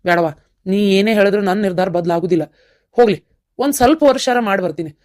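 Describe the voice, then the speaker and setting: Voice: medium pitch, animated, fast talker, a little mellow, close to an everyday voice. A performer voicing a stubborn young villager set on becoming a soldier, with a North Karnataka accent, in a cartoon. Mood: determined. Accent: North Karnataka Kannada. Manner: earnest, stubborn. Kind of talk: cartoon voice acting.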